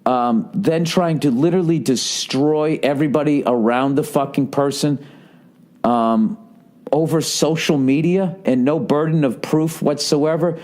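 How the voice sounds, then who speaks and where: A male comedian with a somewhat high-set voice holds forth in a loose podcast monologue. He swears constantly and rambles through his stories. He keeps pulling the listener in with quick asides. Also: a little mellow. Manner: profane, rambling storytelling; conversational, checks in with the listener.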